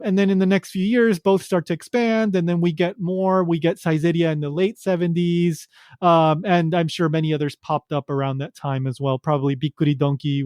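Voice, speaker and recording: A man's voice: on the high side, a little mellow, no room sound, clean studio sound. A man hosting a podcast, talking casually and rambling with many fillers and restarts. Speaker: podcast host.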